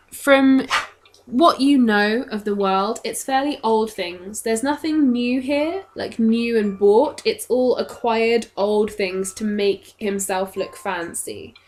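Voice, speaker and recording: A woman narrating a tabletop game as game master, describing a scene in a careful way and pausing to search for words. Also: a little high.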